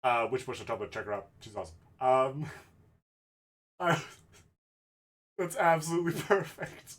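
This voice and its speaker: A man streaming a courtroom game, commenting in a profane and excitable way. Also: medium pitch, measured pace.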